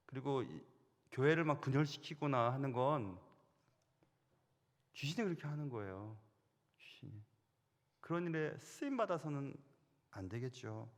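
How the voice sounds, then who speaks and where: Lively pastor in a reverberant sanctuary. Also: male voice, mid-range voice, normal speed, long pauses. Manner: animated storytelling, acting out quoted voices. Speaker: senior pastor. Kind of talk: sermon. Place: church sanctuary. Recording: long hall reverb.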